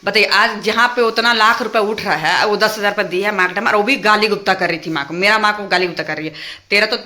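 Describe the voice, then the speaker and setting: Fast-talking, sharp-voiced woman ranting. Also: mid-range voice. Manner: talks fast and heated when angry, repeats phrases. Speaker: vlogger addressing her viewers. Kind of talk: angry casual rant to camera.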